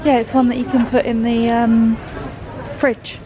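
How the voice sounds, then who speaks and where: A woman's voice: fairly high pitch, flat delivery, measured pace, crowd noise. A young woman, chatting cheerfully to camera in a casual vlog. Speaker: vlogger. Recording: home video with clear background noise.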